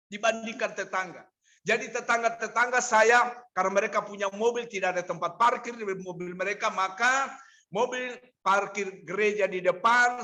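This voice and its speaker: Bright high-voiced preacher telling a story. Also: male voice. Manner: storytelling preacher, acts out quoted dialogue. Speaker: pastor. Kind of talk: sermon.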